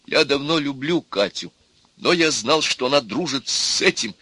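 A man's voice: mid-range voice, animated, normal speed, pushed and bright, slightly rough, no echo, voice pushed up. A man voicing a nervous, eager young student suitor who makes speeches. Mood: earnest.

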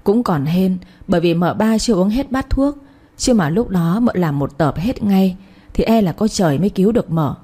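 A woman narrating a story with a steady, expressive reading. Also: medium pitch, normal speed, slightly rough.

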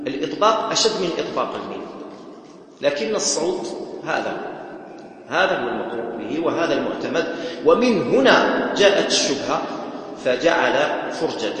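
Sheikh giving a recitation lesson, repeats himself, chants bits, big echoey mosque hall. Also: male voice, fairly high pitch, fairly bright tone. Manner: patient, repeats points, chants short recitation examples. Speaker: Quran recitation teacher. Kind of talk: lecture.

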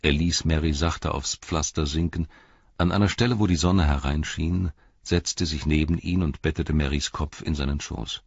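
A man narrating a story in calm, even storytelling. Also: a bass voice, moderate pace, creaky, breathy edge, dry recording, dull audio. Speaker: audiobook narrator. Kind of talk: scripted narration.

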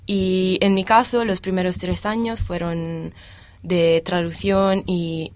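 A young woman in her twenties from Italy, speaking Spanish as a second language with an Italian accent, answering interview questions with pauses while she searches for words. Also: lowish voice, flat delivery, darkish tone, no echo. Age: 20s. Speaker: guest, exchange student.

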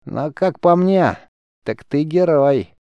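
A man's voice: fairly high pitch, lively intonation, slow, smooth, no room sound, lo-fi sound, pitched above the performer's own voice. A man voicing a tough, sardonic woman warrior who talks bluntly and plainly. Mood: tender. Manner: wry, blunt, plain-spoken.

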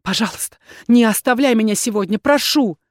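A woman voicing a jealous, abandoned noblewoman who shouts and pleads through tears. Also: lively intonation, measured pace, creaky, no echo, clean studio sound. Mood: pleading. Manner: shrill pleading and shouting, tearful.

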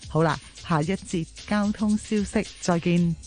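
Woman briskly reading live traffic. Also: fairly low pitch, loud music behind the voice. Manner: brisk, listing routes in a run. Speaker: traffic reporter. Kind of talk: live radio traffic report.

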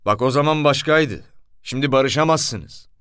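A man's voice: medium pitch, measured pace, smooth, dry recording, clean studio sound, voice pushed up, natural voice. A man voicing a stubborn police commissioner who curtly refuses a reconciliation and gives orders. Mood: stern. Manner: curt, authoritative, loud. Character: weary night-shift police commissioner, stubborn.

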